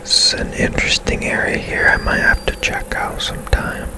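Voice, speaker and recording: Gentle, pause-filled and never rushed, the ASMR commentary on this game comes from a host speaking in a breathy, soft whisper.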